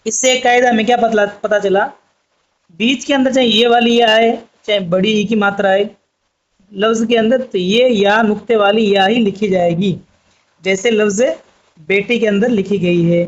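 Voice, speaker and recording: A man's voice: sits high, fairly even intonation, normal speed, dull audio. A man teaching Urdu script, patiently spelling out letters one by one. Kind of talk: slow spoken writing lesson.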